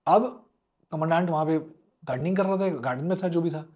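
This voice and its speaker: A middle-aged former air force officer, a podcast guest, tells an animated story, mixing Hindi and English and acting out the people in it with frequent chuckles. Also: male voice, fairly high pitch, fairly quick.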